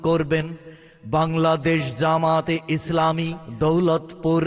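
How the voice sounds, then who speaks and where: A man calls out a rally announcement through an outdoor loudspeaker in a slow, chanting sing-song. His voice sits a little high and barely moves in pitch, and it rings out with a long reverb. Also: monotone, smooth. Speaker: campaign announcer. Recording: long reverb, faint background music.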